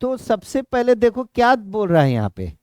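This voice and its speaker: Here a man with a Bihari Hindi accent preps students for exams, going over points again and asking whether they've understood. His high-pitched voice swings hugely in pitch, moves at a moderate pace, and sounds a little mellow and smooth in a dry, clean studio recording.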